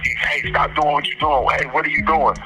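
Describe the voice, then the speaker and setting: A man's voice: a little high, fairly even intonation, a little fast, pushed and bright, soft background music. A man calling from a jail payphone over a fuzzy line, bluntly and profanely recounting what happened to him. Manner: blunt, swears freely. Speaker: incarcerated caller. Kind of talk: recounting own experience.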